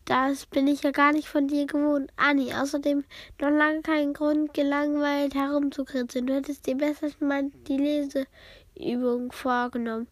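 Give me a strict, impatient teacher, as a woman reads her out in a storybook, with a high, dry voice. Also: flat delivery, normal speed, no echo, close to an everyday voice. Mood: stern. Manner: stern, scolding. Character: strict impatient female schoolteacher.

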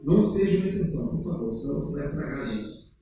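Male pastor, high voice, animated sermon delivery, distant mic in a very echoey church. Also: racing, slight background noise. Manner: animated, swings from loud urging to low asides. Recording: echoey church hall, heard from afar.

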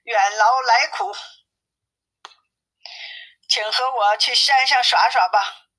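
A woman reading the lines of a proud, carefree male monkey king in an audiobook story, in a brisk, offhand manner. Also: on the high side, sharp tone, full character voice, rough recording.

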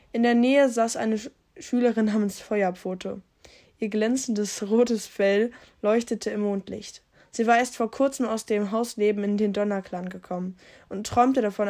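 A woman with a mellow, mid-range voice, a podcast host, reads a story aloud casually and without polish. She stumbles over words, corrects herself as she goes, and pauses now and then to add comments.

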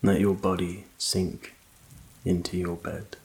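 Male sleep story narrator: deep and flat-toned, hushed, unhurried, calming, rain in the background. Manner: slow, calm, hushed, relaxing delivery. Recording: faint noise under rain ambience. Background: rain ambience.

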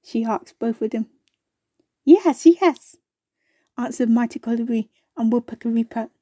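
A woman reading a children's storybook aloud in a gentle, unhurried way, now and then turning to ask the listener questions. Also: on the high side, monotone, no room sound, clean studio sound.

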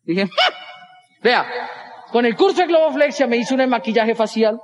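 His voice very high-pitched, a young Colombian stand-up comedian recounts a story in a large hall. He acts out the dialogue with energy, jumping quickly between characters' voices.

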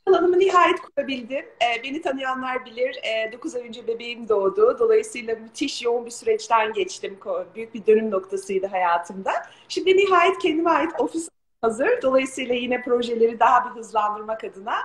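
A woman's voice: fairly high pitch, fairly quick, slight background noise. A woman chatting casually as a guest on a live call from her office. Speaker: guest in an online live chat. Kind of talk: casual chat. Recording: echoey room.

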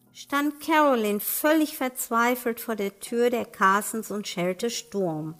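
A woman author reading her own novel aloud in a measured, even way. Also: a little high. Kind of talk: audiobook reading.

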